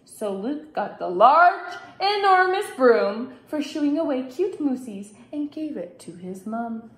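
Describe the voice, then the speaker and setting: A woman teacher reading a picture book aloud for her class, in an expressive storytelling manner with lively sound effects. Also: high-pitched, slow. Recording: roomy echo.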